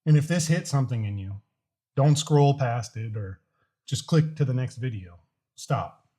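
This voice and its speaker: A man with a husky, relaxed voice talks to his vlog audience about faith and motivation. He is earnest and deliberate, breaking his thoughts into short phrases with pauses. His pitch sits in an ordinary middle range. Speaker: host of a daily challenge vlog. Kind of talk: motivational talk to camera with a faith message.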